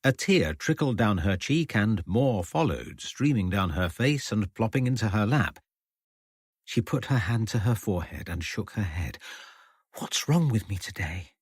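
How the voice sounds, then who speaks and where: A man reading an audiobook in an expressive, measured storytelling manner. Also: lowish voice, breathy edge, dry recording, studio quality. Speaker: audiobook narrator. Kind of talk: scripted narration.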